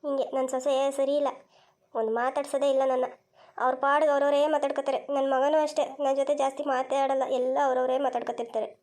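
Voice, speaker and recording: Woman doing a high-voiced old village mother-in-law, cartoon, nagging, complaining, rustic. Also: little pitch movement, fast, a little mellow, close to an everyday voice. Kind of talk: cartoon voice acting.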